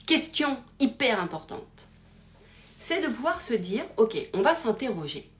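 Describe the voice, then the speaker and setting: A woman hosting a live talk, theatrical and animated, swinging from loud exclamations to low mutters, laughing often and interrupting herself. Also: unhurried. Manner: laughs often, many fillers and self-interruptions. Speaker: host of a live self-help talk. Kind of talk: casual live-stream monologue.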